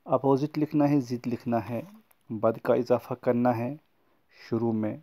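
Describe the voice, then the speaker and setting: A man's voice: mid-range voice, fairly even intonation, warm tone. A man teaching a recorded lesson to young schoolchildren, patiently explaining word meanings and repeating key points. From Kashmir. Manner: patient, explains words slowly and repeats them for children.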